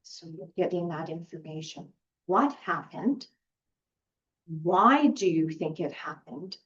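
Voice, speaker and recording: A woman facilitator teaching a skills lesson, guiding gently with fillers and restarts. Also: on the low side, animated, takes it slowly. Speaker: group facilitator. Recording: dull lo-fi recording.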